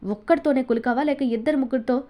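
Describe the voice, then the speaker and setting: A woman's voice: high voice, fast, muffled recording, lightly acted. A woman voicing a cruel, sarcastic middle-aged aunt in a storybook reading. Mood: contemptuous rage. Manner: sarcastic, harsh.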